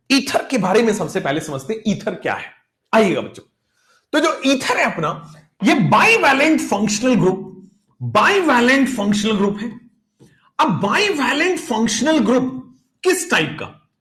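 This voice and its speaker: Lively high-voiced chemistry teacher. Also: male voice, roomy sound. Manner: calls students beta and bachche, asks rhetorical checks; drawn-out stressed words, repeats key terms. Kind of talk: online lecture.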